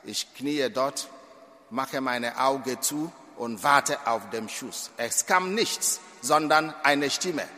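A man's voice: mid-range voice, slow pace, pushed and bright. A man from Nigeria, preaching a sermon as a priest at mass, emphatic, with dramatic swells and drops in volume. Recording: long church reverb.

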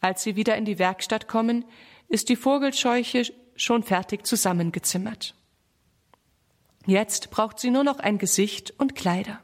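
A woman narrating a children's story in an even storytelling voice. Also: mid-range voice, unhurried.

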